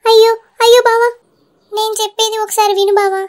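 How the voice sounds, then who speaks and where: A woman's voice: extremely high pitch, flat delivery, brisk. A woman voicing a wronged young wife in a cartoon who pleads her innocence in a plaintive way. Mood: pleading.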